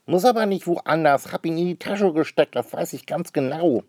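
A man's voice: on the high side, moderate pace, a little mellow, dry recording, clean studio sound, pitched above the performer's own voice, natural voice. A man voicing a cheeky, stubborn little boy in a storybook reading, defiant and secretive.

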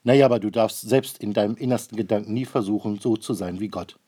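A man doing a gruff, loud old ark builder. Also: lowish voice, quick pace. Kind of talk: storybook read-aloud.

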